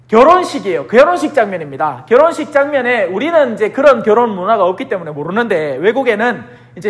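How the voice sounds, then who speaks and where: A middle-aged man with a Gyeongsang accent telling Bible stories in a colloquial, animated catechism class. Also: sits high.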